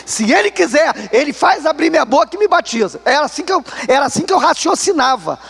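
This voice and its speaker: High-voiced Brazilian preacher telling a story. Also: male voice, fast, gravelly. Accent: Brazilian Portuguese. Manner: animated storytelling, addresses listeners as brother. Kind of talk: sermon testimony.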